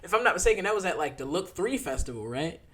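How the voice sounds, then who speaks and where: Man, interview host, moderately high voice, casual chat, eager affirming manner. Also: sing-song, fast talker, over a noisy crowd. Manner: frequent affirming backchannels, enthusiastic agreement.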